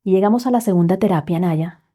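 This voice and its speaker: Warm-voiced woman telling her story. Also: medium pitch, fast talker, husky. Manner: heartfelt, drifting into soft near-whispers. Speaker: guest. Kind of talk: personal storytelling in a podcast interview.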